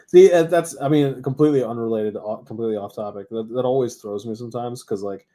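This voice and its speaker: Man, 30s, mellow dark tone, mid pitch, hesitant casual chat. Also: quick pace. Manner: hesitant, filler-heavy, laughing asides. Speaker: podcast co-host.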